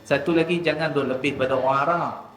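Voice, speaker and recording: A man teaching Quran recitation in a mosque class, drawing out letter sounds slowly before explaining quickly. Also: fairly high pitch, steady tone, fairly bright tone. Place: mosque hall. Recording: echoey mosque hall with faint ambience.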